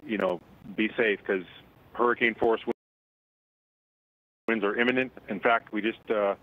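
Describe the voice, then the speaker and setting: Man on a phone call into the news, lowish voice, serious forecaster type, bit halting. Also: fairly even intonation, no room sound. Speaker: senior weather forecaster, phone guest. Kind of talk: live news phone interview. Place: indoors at a forecast office. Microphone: telephone. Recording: band-limited phone line.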